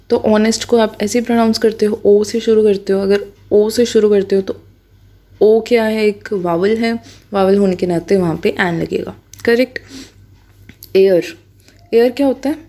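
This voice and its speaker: A woman gives a grammar lesson in a patient, step-by-step way. Her voice is mellow and soft-edged, at an ordinary middle pitch. She keeps repeating the key point and pauses to check in with the class. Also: fairly even intonation. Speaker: English grammar teacher. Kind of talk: explanatory lesson.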